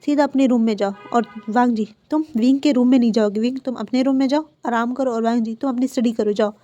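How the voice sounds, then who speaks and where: A woman voicing a stern mother who scolds her sons, raised and quick. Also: on the high side, dark tone, dull audio, soft background music, close to an everyday voice. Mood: scolding.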